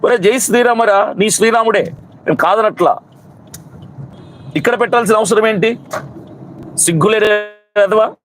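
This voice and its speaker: Fiery high-voiced man over traffic noise. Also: normal speed, pauses often, low-quality recording. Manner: fiery, scolding, piles up repeated rhetorical questions. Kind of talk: impassioned protest speech to camera.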